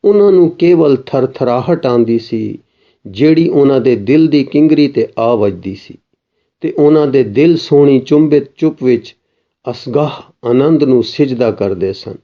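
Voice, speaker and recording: A male narrator reads literary spiritual prose slowly and solemnly, at a middle pitch. The recording sounds dull and lo-fi. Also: lively intonation.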